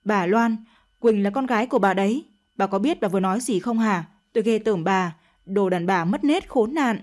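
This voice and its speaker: A woman's voice: fairly high pitch, a little fast, darkish tone, close to an everyday voice. A woman voicing a young man who rejects his older lover in a read-aloud story. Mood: scornful. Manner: pleading, then scornful. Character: young man, torn then disgusted lover.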